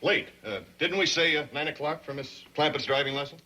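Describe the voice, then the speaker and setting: An actor playing a laconic, deadpan young gentleman in an old sitcom. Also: fairly high pitch, fairly quick. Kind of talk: 1960s sitcom acting.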